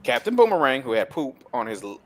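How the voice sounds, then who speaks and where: A man's voice: medium pitch, very animated, fairly quick, a little hiss or hum. A man hosting a casual film discussion, recapping plots with frequent laughter. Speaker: host.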